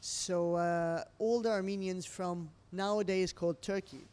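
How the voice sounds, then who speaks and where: A middle-aged Lebanese woman who owns a restaurant speaks at a measured pace in a fairly low, clean-toned voice. Interviewed over a meal, she tells her stories expressively in imperfect, non-native English.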